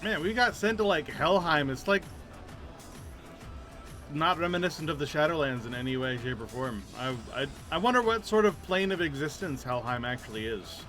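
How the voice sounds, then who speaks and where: A man's voice: fairly high pitch, expressive, normal speed, fairly bright tone. A man giving casual, chatty gameplay commentary as a streamer, with wry muttered asides to himself. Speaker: game streamer. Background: video game music.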